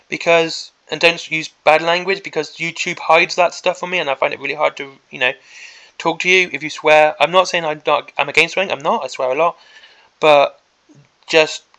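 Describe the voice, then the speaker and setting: A male hobby host talks off the cuff in a somewhat high, sharp-edged voice that is beginning to give out. He rambles emphatically, circling back to repeat his points as he delivers an opinionated rant. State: voice starting to give out.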